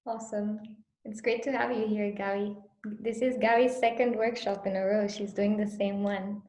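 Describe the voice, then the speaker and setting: Woman facilitator, gravelly mellow voice, encouraging, echoey room. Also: medium pitch. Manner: encouraging, repetitive phrasing. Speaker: workshop facilitator. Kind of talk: encouraging workshop talk.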